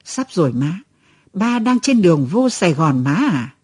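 A woman's voice: fairly low pitch, big pitch swings, measured pace, darkish tone, breathy edge, full character voice. A woman voicing a devoted young daughter who pleads tearfully. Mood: pleading, tearful.

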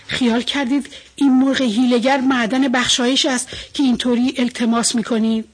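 Bold little fish, scornful and firm, high husky voice, woman reading. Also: fairly even intonation. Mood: defiant.

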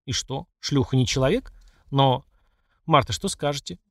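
Man reading a calm, teasing old emperor. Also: mid-range voice, no room sound, studio quality, lightly acted. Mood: amused calm. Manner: politely teasing, unhurried. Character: calm ironic aging male emperor, bald.

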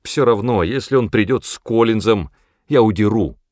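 A man's voice: on the low side, moderate pace, darkish tone, dry recording, clean studio sound, close to an everyday voice. A man voicing a bold orphan boy who talks back in a ringing, defiant voice. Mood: eager.

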